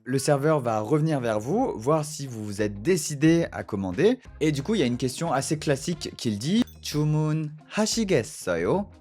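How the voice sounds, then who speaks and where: A man's voice: mid-range voice, expressive, moderate pace, hardly any pauses, darkish tone. A man giving a casual video lesson in French on Korean restaurant phrases, modelling short Korean lines. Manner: acts out little restaurant scenes, playing both customer and waiter. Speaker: Korean language teacher. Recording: faint background music.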